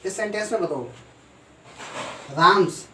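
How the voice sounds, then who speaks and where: A man teaching a grammar lesson, who explains slowly and asks and answers his own questions. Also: sits high, sharp tone, faint music behind. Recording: echoey room, voice from far off, faint noise.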